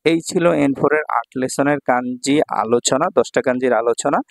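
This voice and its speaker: A man's voice: mid-range voice, fairly quick, no room sound. A man from Bangladesh teaching a Japanese kanji lesson, patiently repeating each reading and meaning.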